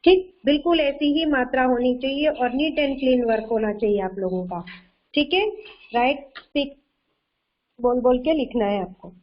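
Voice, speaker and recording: A woman teaching a kindergarten class online, slow and patient, often repeating herself and quizzing the children. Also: sits high, lo-fi sound. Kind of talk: online kindergarten Hindi lesson.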